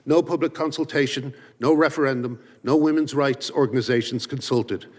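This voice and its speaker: A man's voice: mid-range voice, steady tone, moderate pace. Emphatic man giving testimony. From Ireland. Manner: emphatic, rhetorical lists. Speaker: witness at a legislative hearing. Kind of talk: prepared testimony. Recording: reverberant hearing room.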